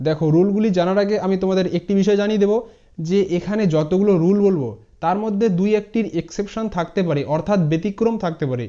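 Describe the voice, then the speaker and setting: His voice is high-pitched and warm as he teaches English pronunciation, going letter by letter through each word's spelling and then repeating the word. The informal lesson blends English into Bengali, and the audio sounds dull and lo-fi.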